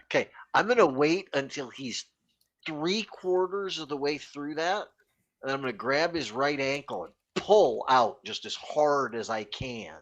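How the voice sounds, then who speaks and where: A man's voice: mid-range voice, a little slow, a bit bright. A man playing a tabletop game, blunt and wry, who explains his character's actions in detail. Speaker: player. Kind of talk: casual tabletop play, in and out of character.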